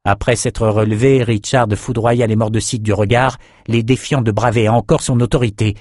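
A man reading a fantasy novel aloud in measured, dramatic scripted narration. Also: on the low side, steady tone, darkish tone, no echo, clean studio sound. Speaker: audiobook narrator.

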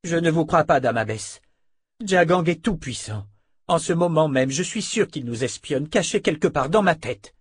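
A man voicing a fierce young woman, a vehement and imperious sorceress of a dark order, in an audiobook. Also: fairly high pitch, animated, moderate pace, slightly rough, no room sound, pitched above the performer's own voice. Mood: defiant.

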